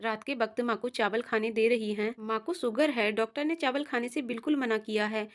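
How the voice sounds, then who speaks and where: A woman narrator gives voice to a caring daughter who speaks earnestly and stands her ground politely. The voice is somewhat high and close to the reader's own in a family tale. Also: fairly even intonation, fairly quick, lightly acted. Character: caring married daughter, firm but polite.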